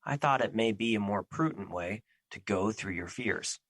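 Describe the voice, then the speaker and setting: A male actor plays a grave, ageless embodiment of fear in an audio drama. He is protective and remorseful, speaking in formal, stilted phrases. The tone is bright and forceful, the recording close and dry. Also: on the low side, animated, moderate pace, no room sound. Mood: calm, reassuring. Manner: formal, stilted, earnest phrasing without contractions. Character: Fear personified, solemn male immortal entity, remorseful and protective.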